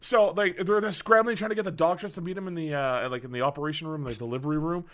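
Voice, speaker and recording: A man hosting a podcast in casual chat, telling stories in an animated, profane way. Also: a little high, quick pace. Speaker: podcast host.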